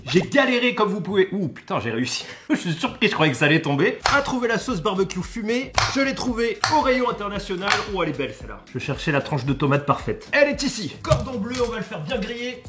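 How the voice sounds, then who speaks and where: A young man in a home kitchen, hosting a casual cooking and eating vlog in a loud, jokey, exclamatory way, swearing casually. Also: sits high, sing-song, quick pace, hardly any pauses, noisy background. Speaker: food YouTuber.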